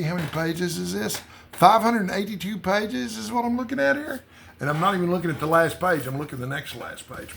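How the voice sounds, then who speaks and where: A man with a fairly high, creaky voice hosts a book channel, rambling casually and conversationally with no script. There's slight background noise in this unscripted book vlog.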